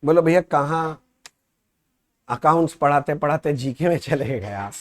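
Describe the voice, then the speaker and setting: Chatty Hindi-speaking accounts teacher. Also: male voice, on the high side, lively intonation. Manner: conversational, reads questions aloud slowly and loudly. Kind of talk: classroom lecture.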